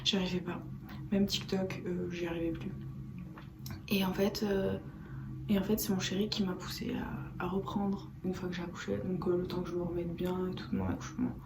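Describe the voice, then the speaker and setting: A woman vlogger chatting casually to camera from her bedroom, soft-spoken and rambling, repeating herself. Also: fairly low pitch, brisk. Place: bedroom at home, indoors. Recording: echoey room with background noise.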